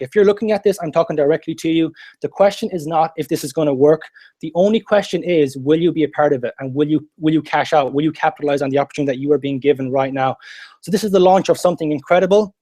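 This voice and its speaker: Casting: young male pitchman, west of Ireland accent, rapid emphatic delivery, mellow tone, motivational call host. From Galway, Ireland. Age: 20s. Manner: emphatic, repetitive, peppered with "you know" and "okay". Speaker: host of a network marketing launch call.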